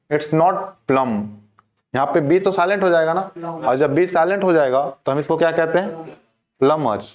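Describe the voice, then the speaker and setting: Man teaching pronunciation in a muffled recording. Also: on the high side. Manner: repeats questions to the class and answers them himself. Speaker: English teacher. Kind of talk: classroom lecture.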